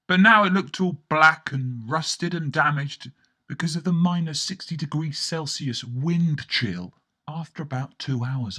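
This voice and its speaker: In a surreal scripted radio monologue, a man narrates in the first person with a slightly high voice that swings widely in pitch and sounds pushed and bright. His theatrical delivery breaks into colloquial asides and exclamations.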